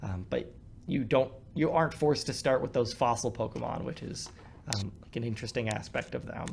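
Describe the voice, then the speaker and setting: A man's voice: mid-range voice, fairly quick, vocal fry, background noise. A man giving casual commentary while playing a card game, thinking aloud with many ums and restarts. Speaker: co-host discussing a card game.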